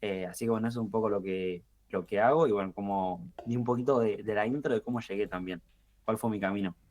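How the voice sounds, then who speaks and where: Young argentine guy w a lowish voice, chill podcast guest, lots of ehs and restarts. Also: fast talker. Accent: Rioplatense Argentine. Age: 20s. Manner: relaxed, thinks aloud with fillers and restarts. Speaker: guest marketing expert. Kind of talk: podcast interview.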